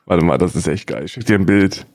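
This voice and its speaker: A man's voice: low voice, quick pace, darkish tone, dry recording, studio quality. A man co-hosting a casual chat, amused and eager to explain things. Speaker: co-host.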